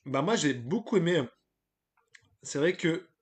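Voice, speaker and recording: A man with a fairly high voice runs a relaxed live stream. He chats loosely and gives his opinions, stopping often to hesitate and to greet people in the chat. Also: a little slow. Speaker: streamer hosting a live tier list. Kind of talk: casual live-stream chat, reading the chat aloud.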